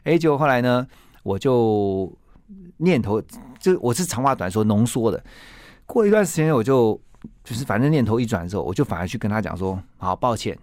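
A man with a Taiwanese Mandarin accent, a guest on a radio interview, telling a story with lively acted-out quotes. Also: medium pitch, fairly quick, no echo, studio quality. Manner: animated storyteller who acts out quoted lines.

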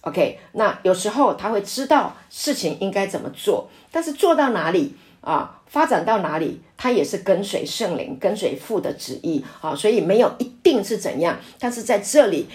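A middle-aged woman pastor teaching a Bible study in an earnest, personal way, often pausing on "ah" fillers. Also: fairly low pitch, a little mellow. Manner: earnest, filler-heavy with frequent "ah", testimony-driven.

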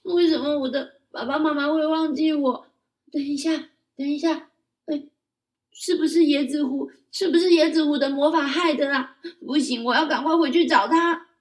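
A woman voicing an excitable young boy in a storybook tale, talking in a high, loud, whiny child voice. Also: normal speed, recorded from a distance. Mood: panicked.

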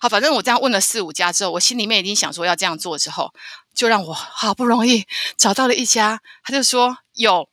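A woman from Taiwan, telling a travel story as a podcast guest in an animated way, often stammering and repeating words. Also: medium pitch, fast, no echo. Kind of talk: casual storytelling interview.

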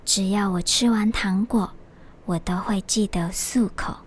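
A woman voicing a shy little girl, hushed. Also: mid-range voice, steady tone, measured pace, slightly rough. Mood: earnest. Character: small shy girl nervous at the dentist.

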